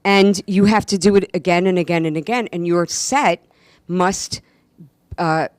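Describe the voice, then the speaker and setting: With a smooth, lowish voice at a measured pace and no room sound, a New York woman who works as an actress and stand-up comedian chats as an interview guest. She speaks casually, with emphasis and enthusiasm.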